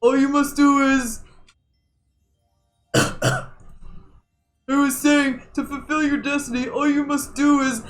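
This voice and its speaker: A woman voicing a dramatic dying spirit in a vision, speaking in a shouted, grandiose manner. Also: sits high, little pitch movement, takes it slowly, pauses often, faint music behind, pitched above the performer's own voice. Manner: shouted, grandiose, interrupted by coughing.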